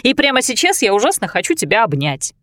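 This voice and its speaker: A woman's voice: on the high side, sing-song, fast, a bit bright, no echo, clean studio sound. Woman reading as an earnest, apologetic best friend. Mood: tender. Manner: earnest, pleading confession. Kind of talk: audiobook character voice.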